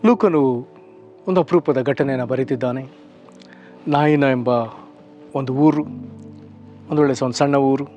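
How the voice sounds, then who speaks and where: A man preaching a short devotional sermon, earnest, slowing and stretching phrases for emphasis. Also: mid-range voice, dull audio. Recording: soft music underneath.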